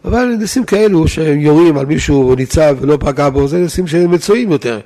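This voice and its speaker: Man giving a lively Torah lesson. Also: a little high. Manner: lively, rhetorical questions to listeners. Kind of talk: weekly Torah lesson to a live audience.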